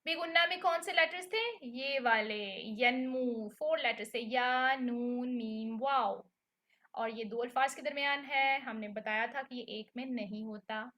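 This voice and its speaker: High, bright-voiced woman teaching. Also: a little slow. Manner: patient explainer, checks in with "okay?" often. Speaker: Quran recitation teacher. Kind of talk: online lesson.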